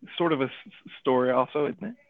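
A man telling a personal story and drawing a faith lesson from it, animated, acting out the people he quotes and often adding "right?". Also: medium pitch, fast, vocal fry. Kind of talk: casual radio talk. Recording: tinny phone-like radio audio.

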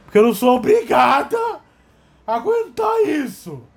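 A man's voice: very high-pitched, sing-song, normal speed, crowd noise, voice pushed up, exaggerated voice. A man voicing an exasperated, fed-up mother who curses as she declares she is leaving. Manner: indignant, cursing.

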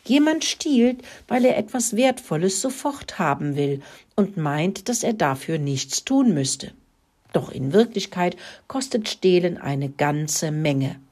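A woman voicing a gentle, wise little female creature in a storybook reading, patiently explaining. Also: on the low side, animated, takes it slowly. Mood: lecturing. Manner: patient, lecturing.

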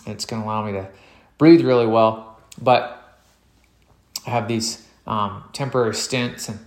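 A man hosting a podcast in a relaxed, rambling way, his voice nasal while he recovers from nasal surgery. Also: lowish voice, a little slow, echoey room. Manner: relaxed, rambling, many fillers. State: recovering from nasal surgery, talks a little funny. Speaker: podcast host. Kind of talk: casual solo podcast talk.

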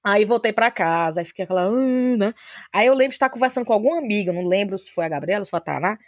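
A woman with a Cearense Brazilian Portuguese accent, a talkative podcast guest telling lively anecdotes in casual chat, acting out the dialogue as she goes. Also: medium pitch, racing, dry recording, clean studio sound. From Ceará, Brazil.

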